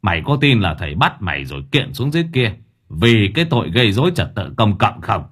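A man voicing a stern, gruff exorcist master who scolds a ghost. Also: on the low side, sing-song, brisk, fairly bright tone, heavily acted.

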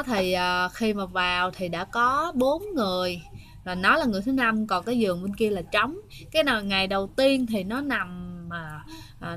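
A woman's voice: mid-range voice, a bit bright, a little hiss or hum. A woman with a Southern Vietnamese accent telling ghost stories to her viewers in a chatty, hesitant way, often turning to address the listeners. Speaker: ghost story host. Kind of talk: casual spoken storytelling to viewers.

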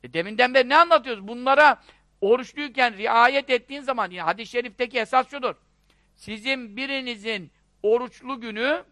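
Brief: male preacher, high bright voice, rhetorical and animated delivery. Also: no echo, studio quality. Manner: animated, rhetorical questions, mock dialogues. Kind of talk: religious lecture.

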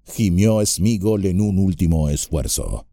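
A man narrating an epic fantasy audiobook in a measured, expressive storytelling manner. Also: deep voice, no room sound, studio quality.

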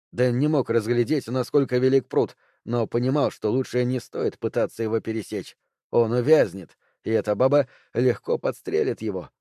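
A man narrates a thriller audiobook in a steady, tense reading voice. His pitch sits in the middle of the male range. The recording is dry, with no room sound. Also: dry recording.

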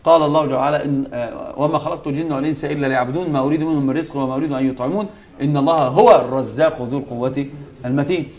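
In a mid-range, slightly mellow male voice, a sheikh conducts a religious lesson for students. His manner is emphatic: he repeats key words, quotes scripture, and stops for brief asides to the class.

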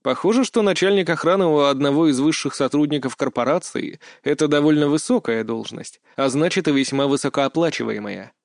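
A man narrating a first-person audiobook in a measured, wry storytelling manner. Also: a little high, creaky, dry recording, clean studio sound.

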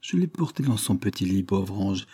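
A man's voice: low voice, big pitch swings, moderate pace, mellow, breathy edge, full character voice. A man voicing a sly, lying old peasant widow who whines and pleads. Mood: whining pleading.

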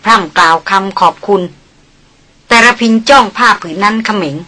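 A woman reading a novel aloud in measured scripted narration. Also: mid-range voice, sharp tone. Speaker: audiobook narrator.

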